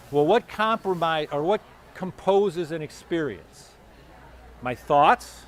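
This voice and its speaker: A man giving a live self-help talk at an expo, conversational and animated, acting out his own inner voice. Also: fairly high pitch, a little hiss or hum. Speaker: motivational speaker. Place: expo hall or venue.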